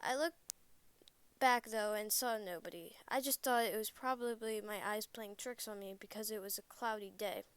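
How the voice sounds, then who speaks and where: A woman's voice: mid-range voice, moderate pace, clean tone, no echo. A woman narrating a true scary story in first person, plain and a little hesitant, correcting herself as she goes.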